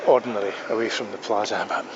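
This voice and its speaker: A man's voice: on the low side, fairly even intonation, fast talker, dull audio, background noise. A man narrating a casual travel vlog, musing aloud with frequent ums and restarts as he drives and walks around a town. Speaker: travel vlogger. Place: on the road and outdoors in a small town.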